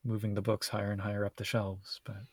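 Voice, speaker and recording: A man's voice: lowish voice, completely flat delivery, fast talker, breathy edge, no room sound, clean studio sound. A man co-hosting a podcast in casual conversation, recorded inside a closet at home. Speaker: podcast co-host.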